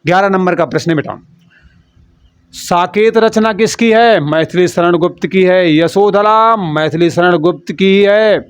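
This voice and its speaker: A man's voice: high-pitched, a little slow, clear, resonant tone, dry recording. A male Hindi teacher from Uttar Pradesh giving an exam-prep lesson. He calls his students "beta" and answers his own questions by repeating the key words. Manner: demonstrates sounds, softly then with force.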